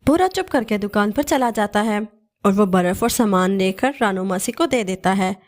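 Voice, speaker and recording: A woman narrating a children's cartoon story in a steady, scripted storytelling manner. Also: mid-range voice, moderate pace.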